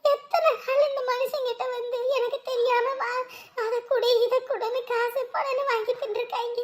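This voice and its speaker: A woman's voice: very high voice, fairly even intonation, moderate pace. An actress playing a grieving widow who sobs and wails through her speech. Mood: wailing grief. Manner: sobbing, wailing speech. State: crying. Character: grieving widow, wailing and bitter. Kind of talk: family drama acting.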